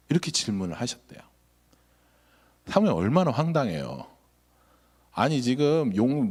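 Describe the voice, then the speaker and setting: A male pastor gives a sermon in a storytelling manner. His pitch rises and falls in a lively way, and he keeps turning to the congregation with rhetorical questions. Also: slightly rough.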